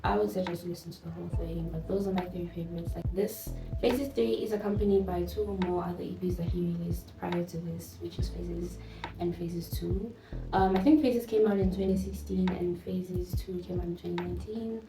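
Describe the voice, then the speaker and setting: A woman's voice: lowish voice, fairly even intonation, brisk, vocal fry. A woman talking to camera in a casual, rambling, slangy vlog style as she hosts her music channel while relaxing with a drink and a smoke. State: tipsy, smoking and drinking. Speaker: music vlogger hosting her own channel. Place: garden with a fan running. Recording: roomy, distant mic, music behind.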